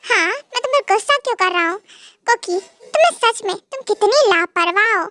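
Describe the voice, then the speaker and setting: A woman's voice: very high voice, expressive, fairly quick, sharp tone, no room sound, faint music behind, full character voice. A young woman voicing a possessive young male mafia husband in a Hindi fan dub, scolding and then coaxing.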